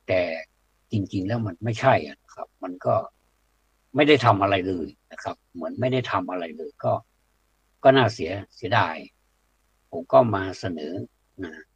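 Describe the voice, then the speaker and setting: Gravelly low-voiced man, blunt talk. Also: no room sound. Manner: blunt, hesitant with fillers, apologizes for directness. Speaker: speaker addressing a community audience. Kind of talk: plain-spoken public talk. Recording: dull lo-fi dry recording.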